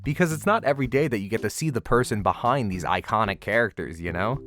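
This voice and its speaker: A man provides the casual, slangy voice-over for a vlog walking through a convention, adding wry, playfully exaggerated remarks. His voice is on the low side yet fairly bright, animated and fast, with soft music playing underneath.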